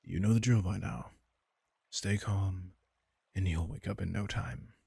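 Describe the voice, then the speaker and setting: This intimate audio roleplay has a man playing a vampire king, deep and very husky, fretting protectively over an injured companion. Slow, tender and close to the mic, his gravelly voice is warm, exaggerated and soothing, and the recording is dry.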